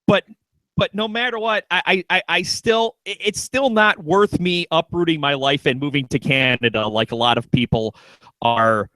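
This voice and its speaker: A man's voice: on the high side, fairly even intonation, normal speed, bright, forceful tone, no room sound, low-quality recording. A man hosting a talk radio show in casual chat, joking around and restarting his sentences a lot. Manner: joking, lots of restarts and stammers.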